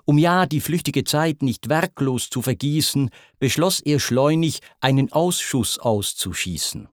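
A man reciting epic verse as narrator, with a measured, deliberate delivery. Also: medium pitch, lively intonation, dry recording, studio quality.

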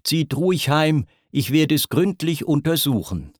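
A man voicing a fussy, complacent old king who speaks in slow, pompous pronouncements. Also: on the high side, sing-song, no room sound, clean studio sound.

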